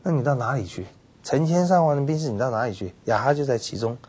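A man pastor with a Taiwanese Mandarin accent giving a Bible teaching lecture, telling the story with animated quoted voices. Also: fast talker, breathy edge. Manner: animated storytelling, acts out quoted characters with sudden pitch jumps. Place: television studio.

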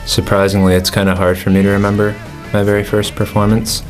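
An eighteen-year-old music school student speaks quickly in a fairly low, completely flat voice while casually answering interview questions, rambling a bit with fillers. He's in an indoor studio in front of a backdrop, with soft music playing in the background.

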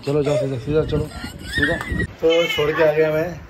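A man's voice: a little high, wildly swooping pitch, moderate pace, background noise. A man chatting to his viewers in a casual family vlog while riding a motorbike. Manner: chatty, keeps addressing viewers. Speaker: family vlogger host. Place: riding a motorbike outdoors in traffic, later at home. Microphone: phone camera held close to the face.

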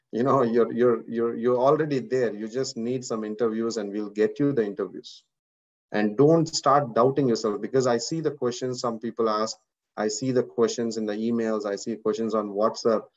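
Speaking with an Indian accent and a fairly low pitch, a course instructor gives students an earnest motivational talk over a video call. He repeats words and leans on many fillers, and the audio sounds dull.

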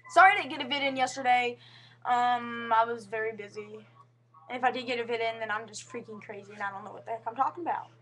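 A young woman talks into her webcam at home with a high, bright-pitched voice. Her delivery is rambling and earnest, full of fillers and false starts. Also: fast talker. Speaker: vlogger. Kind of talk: casual webcam monologue. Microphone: webcam mic.

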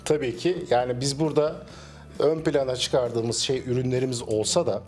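Measured middle-aged man, cafe owner. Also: mid-range voice, steady tone, darkish tone, soft background music. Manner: measured, with frequent hesitation fillers. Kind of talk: business interview. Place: small cafe indoors. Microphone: handheld interviewer mic.

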